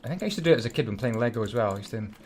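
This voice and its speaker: A man's voice: mid-range voice, expressive, very fast, darkish tone. Scottish man, easygoing build commentary, mid-range voice, mutters and hums between thoughts. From Scotland. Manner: chatty, hums and mutters while concentrating. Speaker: Minecraft YouTuber.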